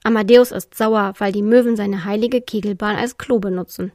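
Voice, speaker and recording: A woman's voice: mid-range voice, steady tone, moderate pace, mellow, no room sound, clean studio sound, lightly acted. A woman reading aloud and voicing an easygoing male S-Rex who sounds unbothered. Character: laid-back male S-Rex munching pineapple.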